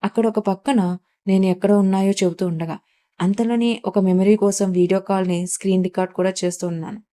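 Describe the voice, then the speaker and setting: A woman's voice: mid-range voice, steady tone, a little fast, mellow, lightly acted. A woman reading the part of a stern middle-aged mother who scolds while defending her son.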